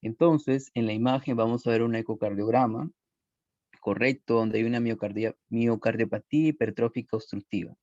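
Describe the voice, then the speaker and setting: A man's voice: mid-range voice, fairly even intonation, moderate pace, darkish tone, dry recording. A man presenting a recorded medical class, explaining steadily with fillers and small self-corrections. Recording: dull lo-fi voice recording.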